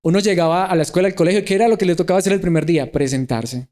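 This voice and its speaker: A man's voice: high voice, rapid-fire, mellow. A middle-aged man preaching a sermon in a church. He asks his listeners question after question and acts out the voices of people he quotes.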